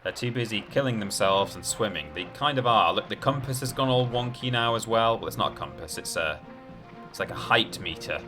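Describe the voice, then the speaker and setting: Male streamer, lowish voice with very lively swings, rambling live game commentary, music behind. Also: a little fast. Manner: rambling, thinks aloud to viewers. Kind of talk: live gameplay commentary with casual chat to viewers. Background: video game music.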